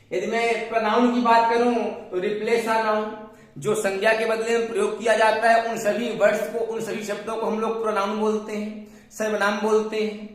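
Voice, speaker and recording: Man teaching grammar to kids, hindi accent, keeps asking and repeating, super echoey room. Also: high voice. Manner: addresses students, repeats and asks questions. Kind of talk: classroom grammar lesson.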